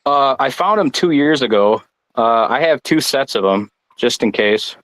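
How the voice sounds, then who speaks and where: A man from Michigan, a guest darts player, chatting casually and haltingly, with lots of restarts and fillers. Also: mid-range voice, animated, fairly bright tone, no room sound, low-quality recording. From Michigan, United States. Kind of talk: casual chat.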